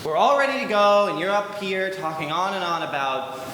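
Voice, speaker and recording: In a noisy, echoey theatre hall, a man plays an exasperated colleague in a stage musical. The voice is very high for a man and swings in pitch, impatient and incredulous. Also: animated, moderate pace, pushed and bright. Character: exasperated, pushy stage colleague interrupting the announcer.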